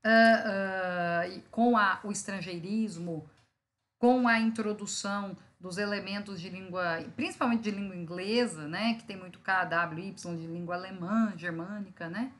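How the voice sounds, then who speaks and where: Woman teacher explaining grammar step by step. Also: mid-range voice. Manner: explains step by step, checks in often with "né?" and "tá?"; spells out syllables slowly and loudly for emphasis. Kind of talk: recorded online grammar lesson.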